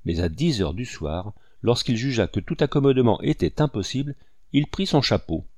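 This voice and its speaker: A man narrating a classic novel in a steady, expressive way. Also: mid-range voice, normal speed, no echo, studio quality. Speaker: audiobook narrator. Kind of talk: literary audiobook narration.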